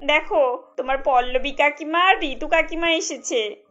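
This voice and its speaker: A woman's voice: high-pitched, a little slow, a bit bright, muffled recording, soft background music. A woman voicing a bossy middle-aged mother-in-law in a cartoon, giving commands to her daughter-in-law.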